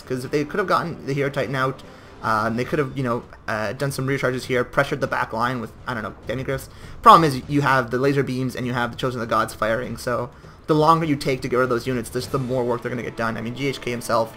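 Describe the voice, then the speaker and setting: A man's voice: mid-range voice, bright, forceful tone. A young man giving casual, rambling commentary over a strategy game battle, with jokey self-mocking asides. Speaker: gameplay commentator.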